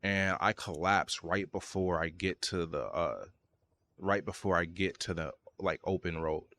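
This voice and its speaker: Deep-voiced man telling a rambling story. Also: unhurried, pushed and bright. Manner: loose, rambling, many fillers. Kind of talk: casual story time.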